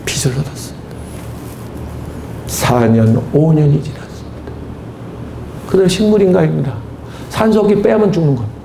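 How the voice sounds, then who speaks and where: A man with a high, gravelly voice preaches a sermon as a pastor. He tells the story with drama, plays out every voice himself and bursts into shouted praise. A faint low rumble hangs behind him. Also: big pitch swings, moderate pace, long pauses. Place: church hall at a retreat.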